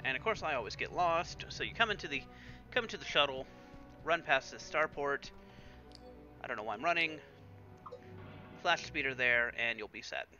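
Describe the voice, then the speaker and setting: A man gives casual let's play commentary in a chatty, rambling way, full of little fillers. His voice is very bright and a touch high, and it moves up and down a lot. The recording is slightly dull, with a faint hum in the background. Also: animated, normal speed, pauses often, soft background music.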